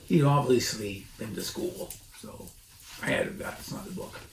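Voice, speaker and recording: A man hosts a story time, reading a storybook aloud with theatrical flair and dropping in chatty, casual asides. His voice is medium in pitch and a touch slow, with roomy echo and faint noise in the recording.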